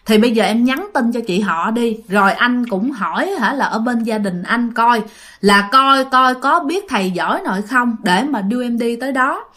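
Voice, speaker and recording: A woman's voice: fairly high pitch, normal speed, a bit bright. Chatty woman telling ghosts. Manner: chatty, informal, addresses listeners directly. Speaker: storyteller. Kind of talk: ghost story narration.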